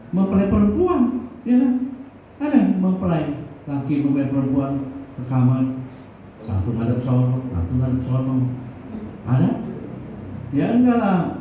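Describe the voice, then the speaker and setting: A slow-talking man preaches in a church, joking with his listeners and asking them questions. He is heard from a distance in a very echoey hall. The sound is thin and phone-like, with faint noise behind. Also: mid-range voice, sing-song. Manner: jokey, conversational, asks the congregation questions. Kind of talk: sermon.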